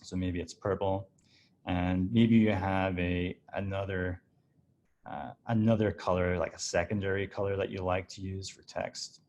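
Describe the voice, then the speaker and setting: Relaxed low-voiced man demoing software. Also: a little slow, a little hiss or hum. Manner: relaxed, explanatory, with frequent restarts and fillers. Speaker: design director giving a product demo. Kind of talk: screen-share software walkthrough.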